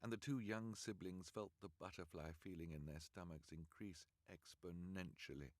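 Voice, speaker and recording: A man reading an audiobook aloud on a livestream, in an expressive, measured way. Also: sits low, no echo. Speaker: audiobook reader.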